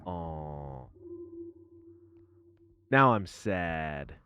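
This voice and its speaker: A man's voice: very deep voice, lively intonation, very slow, sharp tone. A man streaming a game and chatting casually, joking and exclaiming often. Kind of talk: casual gaming stream chat.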